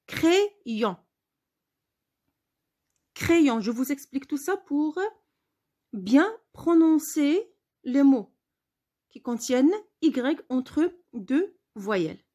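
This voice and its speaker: A woman teacher giving a spelling lesson, patiently repeating words slowly for her pupils. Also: high voice, expressive, dark tone.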